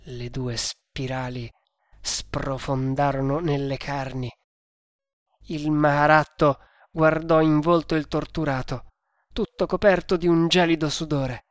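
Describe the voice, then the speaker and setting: A reader narrating an adventure novel in a measured, dramatic audiobook style. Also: medium pitch, fairly even intonation, dry recording, clean studio sound.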